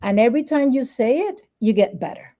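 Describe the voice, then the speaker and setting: A middle-aged Venezuelan woman, a native Spanish speaker with a Venezuelan Spanish accent, chats earnestly as a guest in a casual interview, repeating her main points. Her voice is a little high, mellow, brisk, and very animated.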